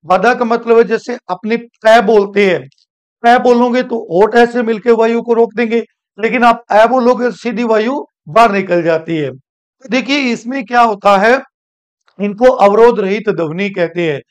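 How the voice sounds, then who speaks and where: A man's voice: high-pitched, a little slow, clear, resonant tone. A man teaching a classroom grammar lesson, explaining step by step, asking questions and answering them himself. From India. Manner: explains step by step, repeats points, asks and answers his own questions. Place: school classroom.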